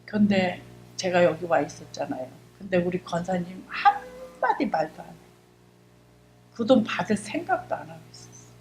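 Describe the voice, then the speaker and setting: A woman's voice: lowish voice, sing-song, normal speed, soft background music. A middle-aged woman, a church deaconess, giving an emotional, fervent testimony in a church service. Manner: emotional, fervent storytelling, acts out her own prayers. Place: church sanctuary. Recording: echoey church hall with faint hum.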